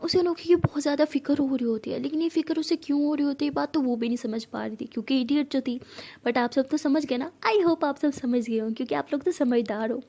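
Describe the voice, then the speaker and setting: A woman narrates a love story in a chatty, personal way, speaking straight to her viewers. Her voice is high in pitch, and her tone stays soft and mellow. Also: brisk. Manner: chatty, addresses viewers directly.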